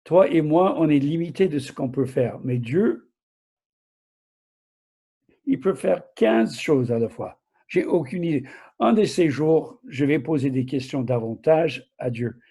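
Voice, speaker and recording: An older man preaches informally in a soft-edged, husky voice. His accent blends southern France with America, and his French is a little broken, with halting self-corrections and small questions to the listener. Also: a little high, expressive. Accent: mixed southern French and American. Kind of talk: informal Bible teaching.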